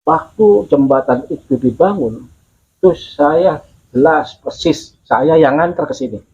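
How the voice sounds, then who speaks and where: A man telling local stories in a casual, animated way, repeating himself and acting out the voices of the people he quotes. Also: a little high, unhurried, breathy edge, muffled recording. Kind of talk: casual storytelling.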